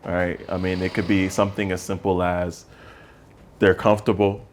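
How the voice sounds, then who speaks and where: A man with a low, unhurried voice, chatting on a relationship podcast. He lays out his thoughts in a relaxed, low-key way, circling back as he talks. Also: a little hiss or hum. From Atlanta, USA. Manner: laid-back, low-key advice giving. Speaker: podcast co-host. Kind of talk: casual chat.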